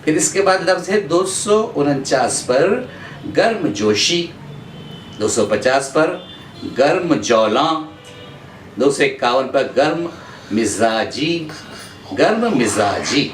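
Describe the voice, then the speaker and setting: A man of middle pitch walks through a pronunciation lesson, saying each word slowly and then saying it again. His voice sits back from the microphone in a roomy, echoing space, with a faint hum of ambience underneath. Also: expressive, far from the mic. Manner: measured, repeats each word to model pronunciation; frequent drawn-out "uh" fillers. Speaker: Urdu teacher. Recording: echoey room, voice off-mic, faint background hum.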